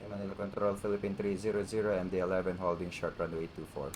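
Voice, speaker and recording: Deep-ish male pilot voice, cockpit headset style, clipped callouts and readbacks. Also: monotone, rapid-fire, background noise. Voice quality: clipped aviation phraseology with hesitations. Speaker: pilot in a flight simulator.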